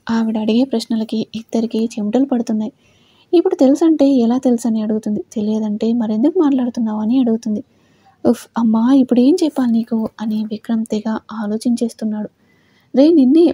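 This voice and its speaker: Dark-toned woman narrating a story. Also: on the high side, slightly rough, no room sound. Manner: voices each character's quoted lines with shifts in tone. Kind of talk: scripted story narration with character dialogue.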